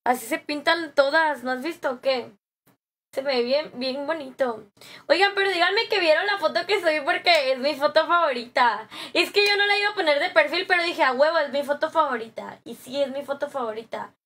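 A young Mexican woman streaming live, chatting with viewers in a bubbly, slangy way, her voice a little hoarse from a sore throat. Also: high-pitched, brisk, fairly bright tone. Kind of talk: live stream chat, greeting viewers and reading comments.

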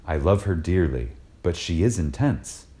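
This is a spiritual lecture read aloud by a man in a deep, mellow, expressive voice. He sounds reverent and dramatic, stressing words deliberately and pausing for effect.

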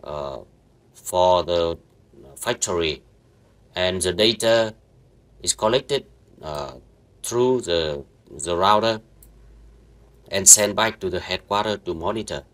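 In a screen-recorded software walkthrough, a man who teaches networking speaks in a low voice with a fairly bright tone. His delivery is slow and halting, full of fillers and restarts as he builds his sentences.

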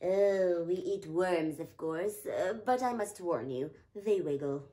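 A woman voicing a calm male turtle in a storybook, speaking slowly and low. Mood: mellow.

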